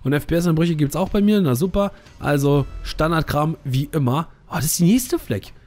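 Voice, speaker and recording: Young male let's player, lively up-and-down delivery, slightly high voice, playful teasing banter. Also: moderate pace, soft background music. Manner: joking, teasing opponents, sing-song repeats. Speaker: gaming streamer. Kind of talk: casual let's play commentary.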